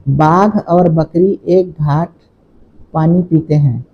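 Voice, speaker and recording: A man's voice: on the high side, slow pace, dull audio. A man teaching as an exam coaching teacher, working through multiple-choice questions step by step and repeating the key points. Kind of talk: exam question walkthrough lesson.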